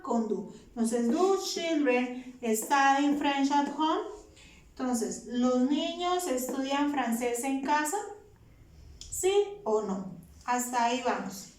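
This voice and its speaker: Woman, grammar teacher, high voice, a bit far from the mic. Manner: patient, asks questions and answers them. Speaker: English teacher. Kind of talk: explaining grammar to students. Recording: echoey room, voice off-mic.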